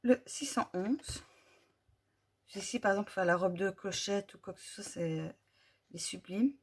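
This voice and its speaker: A woman with a French accent casually reviewing glitter paint tubes, slowly listing colour numbers with frequent fillers. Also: mid-range voice, breathy edge. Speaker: vlogger.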